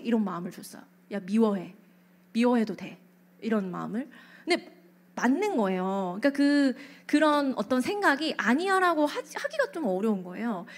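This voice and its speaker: A pastor's wife giving a testimony in a church worship service, telling her story in a lively way and acting out the voices in her head. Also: on the high side.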